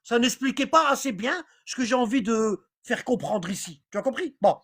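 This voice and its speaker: An animated, fairly bright medium-pitched voice at normal speed belongs to a religious teacher leading an informal online class. The teacher reads aloud from a text, then comments, rambling, repeating phrases and often asking whether listeners follow.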